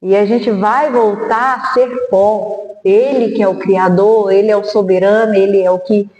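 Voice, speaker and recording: Dark-voiced woman, echoey hall. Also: medium pitch, fairly even intonation, normal speed. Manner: earnest, acts out remembered dialogue. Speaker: guest sharing a testimony. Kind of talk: emotional personal storytelling.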